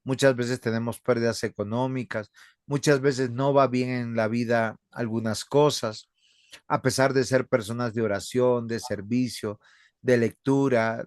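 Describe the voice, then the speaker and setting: A man, a pastor teaching a seminary theology class, speaking in a measured, earnest way and addressing his students as brothers. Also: mid-range voice, no room sound, clean studio sound. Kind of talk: online theology lecture with class discussion.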